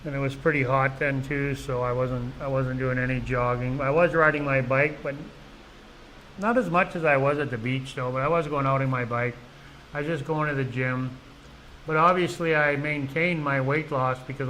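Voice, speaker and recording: A man's voice: mid-range voice, steady tone, moderate pace, sharp tone, a little hiss or hum, poor audio. A middle-aged man from Canada hosting a casual live vlog, rambling along with lots of "you know" and restarts. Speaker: vlog host. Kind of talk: casual live-stream chat.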